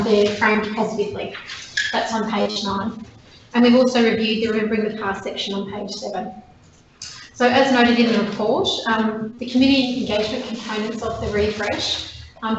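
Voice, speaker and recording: An Australian woman council officer presenting a report at a meeting, hoarse and wavery as she loses her voice, halting with many fillers. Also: on the high side. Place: council chamber. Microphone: desk microphone from a distance. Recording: echoey, distant, dull, noisy room recording.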